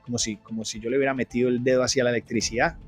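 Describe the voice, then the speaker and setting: Male guest, earnest testimony storytelling, average pitch, soft music under. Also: little pitch movement, rapid-fire. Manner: earnest storytelling, frequent restarts. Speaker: guest telling his testimony. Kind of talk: personal testimony in an interview.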